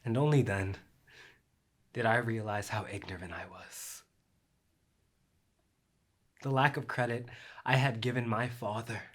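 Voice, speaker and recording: A young man performing a reflective theatrical monologue, slow and measured, sinking at times to a near whisper. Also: mid-range voice, fairly bright tone.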